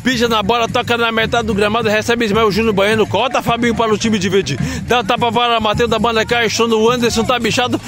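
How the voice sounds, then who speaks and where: A man giving rapid play-by-play commentary on an amateur football match at night, shouting out the goals. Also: extremely high pitch, level tone, music in the background. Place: outdoor floodlit football pitch at night. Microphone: handheld phone camera.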